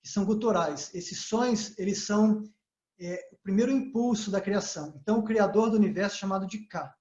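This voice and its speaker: A man giving a calm spiritual lesson, often checking in with his listeners as he explains. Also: sits high, fairly quick. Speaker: yoga teacher. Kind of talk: spiritual talk. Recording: echoey, slightly dull sound.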